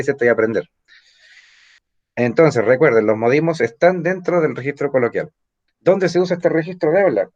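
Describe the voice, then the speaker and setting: A man's voice: mid-range voice, highs cut off. Chilean man teaching a class. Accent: Chilean Spanish. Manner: explanatory, asks rhetorical questions, frequent "¿ah?" tags. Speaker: language teacher. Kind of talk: online evening class lecture. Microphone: computer or phone mic on a video call.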